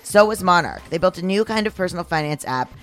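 An androgynous podcast host with a slightly strained, testosterone-deepened voice, reading scripted ads with conversational personal asides. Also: expressive, quick pace, a bit bright.

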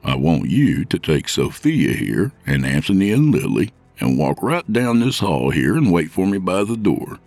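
A man voicing a gruff, gentle biker Santa who soothes frightened children. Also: big pitch swings, normal speed, few pauses, no room sound, faint music behind, heavily acted. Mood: soothing. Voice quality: deep gravelly. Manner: soothing, warm with kids, growls at villains.

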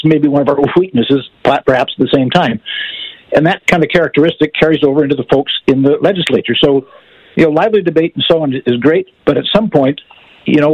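A man speaking over the phone as a call-in guest, frank and brisk, often repeating words as he restarts. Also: fairly high pitch, a little mellow, breathy edge, no room sound. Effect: heard over the phone. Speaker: call-in guest, former politician. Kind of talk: casual call-in chat. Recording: muffled phone line, dry.

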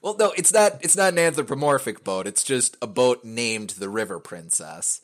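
A man's voice: medium pitch, animated, moderate pace. A man hosting a casual podcast chat about a video game, wry and rambling, with a lot of fillers and restarts. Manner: wry, joking. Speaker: podcast host.

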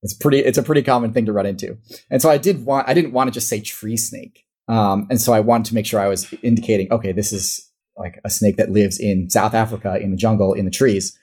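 A man with a Midwestern American accent chats in a relaxed, rambling way, often restarting his sentences. His voice sits a little low and sounds husky. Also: quick pace. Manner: rambling, self-correcting, laughs often. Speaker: guest, animal-ranking YouTuber. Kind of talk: casual podcast conversation.

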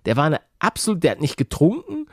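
A man's voice: a little high, huge pitch swings, fast talker, dry recording, clean studio sound. A man chatting casually as a podcast co-host, with a bantering, grumbling, colloquial manner. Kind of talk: casual chat.

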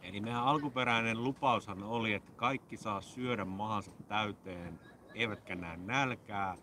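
A man's voice: on the low side, pushed and bright, slight background noise. A man co-hosting a podcast, giving jokey mock-serious fitness instructions in casual chat. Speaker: podcast co-host.

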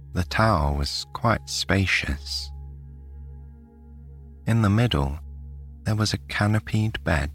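A British man from the United Kingdom narrating a bedtime sleep story in a soft, soothing way. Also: low voice.

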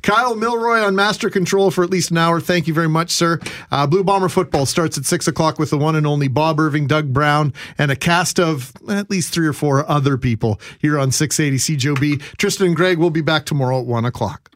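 A man's voice: fairly high pitch, a little fast, hardly any pauses, fairly bright tone, no room sound. Male radio host, teasing banter, dead-dry studio mic. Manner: joking, teasing. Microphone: studio microphone.

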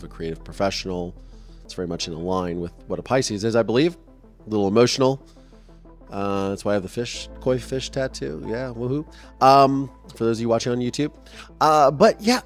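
A man in his thirties hosting a podcast, talking casually and rambling with fillers and restarts, openly emotional at times. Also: on the low side. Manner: openly emotional, voice softening when moved. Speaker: podcast host.

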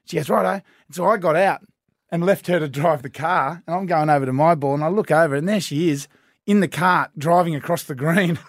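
A man telling a story on a casual podcast, acting out quotes in higher voices. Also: a little fast, no echo, studio quality. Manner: animated storyteller, acts out quotes in high voices. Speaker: podcast co-host.

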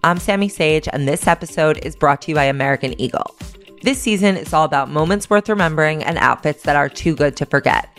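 A woman's voice: low voice, fast, soft background music. A woman hosting a news podcast, reading scripted briefings and sponsor copy in an informal, wry manner.

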